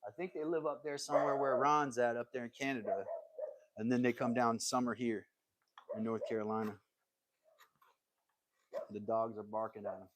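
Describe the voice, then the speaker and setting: Background noise accompanies this American man as he chats loosely through a woodworking livestream in his workshop and replies to viewers. His medium-pitched voice stays fairly even, moving at a moderate pace with frequent pauses.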